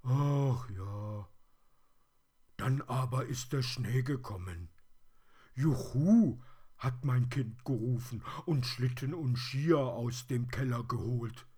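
A man voicing a lonely, forgotten plush teddy bear in a storybook reading, with a high and plaintive manner. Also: measured pace, few pauses, a little mellow, slightly rough. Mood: wistful.

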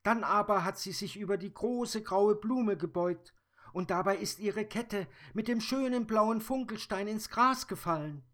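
A man doing a bright, cheeky little girl. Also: unhurried. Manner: high, lively, chattering.

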